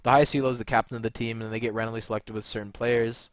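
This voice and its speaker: Here the same kind of speaker, a young California man who creates videos and games, talks very fast in a mid-range, level voice, rambling bluntly with lots of fillers and restarts in an off-the-cuff monologue to camera. The sound is clean studio quality with no room sound.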